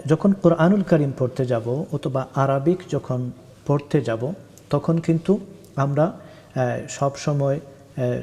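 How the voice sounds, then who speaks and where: A man gives a recorded Quran reading lesson, patiently drawing out each spelled syllable at a slow, unhurried pace. His voice is mellow and warm, and it rings with a long reverb as if from a large hall. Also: mid-range voice.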